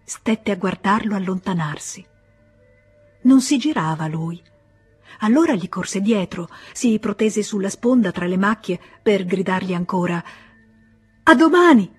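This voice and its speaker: A woman narrates a classic novel in a measured, expressive way, with a husky, breathy voice at an ordinary pitch. Soft music plays faintly underneath the reading. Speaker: audiobook narrator. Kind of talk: literary audiobook narration.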